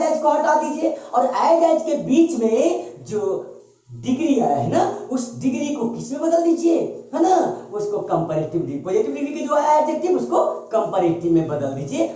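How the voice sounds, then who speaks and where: Lively, echoey classroom teacher, man. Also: very high-pitched, moderate pace. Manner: repetitive, emphatic explaining with frequent "है ना" tags. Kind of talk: classroom grammar lesson. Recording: echoey room, distant dull mic.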